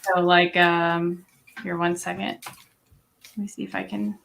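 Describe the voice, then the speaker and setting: Young woman rambling while she draws on stream, low gravelly voice, faint hiss behind. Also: level tone, unhurried, fairly bright tone. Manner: rambling, thinking aloud with many fillers. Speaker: streamer and artist. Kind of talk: casual live-stream chat while drawing.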